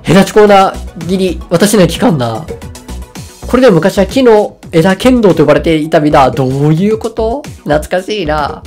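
A woman's voice: on the low side, lively intonation, moderate pace, a little mellow, faint music behind, lightly acted. A woman reading aloud the lines of a brusque, busy male office worker in a game, curt and dismissive.

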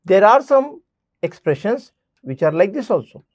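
A man's voice: high-pitched, very animated, moderate pace, dry recording, highs cut off. A man teaching a basic math lesson. He addresses students directly and repeats key points.

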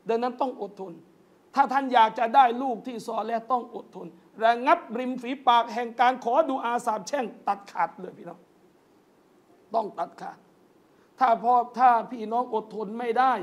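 A man giving an Islamic lecture in a mosque, telling stories earnestly and often calling his listeners brothers and sisters, with light joking asides. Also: very high voice. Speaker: Islamic preacher. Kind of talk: lecture to a congregation.

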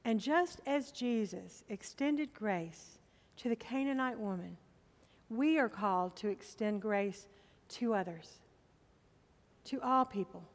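A middle-aged woman pastor preaches from a church pulpit, making slow, emphatic appeals to the congregation. Her voice is fairly high, and the sound carries the feel of a big room.

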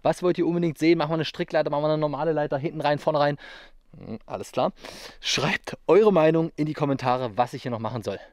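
A survival vlogger in his thirties chats upbeat and fast to his viewers while building in a misty forest, occasionally puffing from the effort. His voice is fairly high with a darkish tone, caught dry by a distant action camera mic.

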